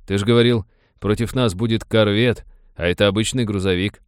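A man's voice: on the low side, steady tone, a little fast, smooth, dry recording, studio quality, natural voice. Cautious doubting pilot, as a man puts him on. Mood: doubtful. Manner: cautious questioning.

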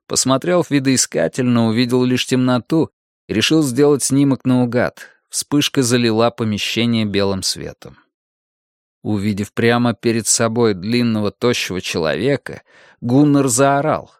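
A man of middle pitch narrating a novel in a steady, measured reading voice. The recording is dry and close, with no room around him. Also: smooth, no echo. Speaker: audiobook narrator. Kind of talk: scripted narration of a crime novel.

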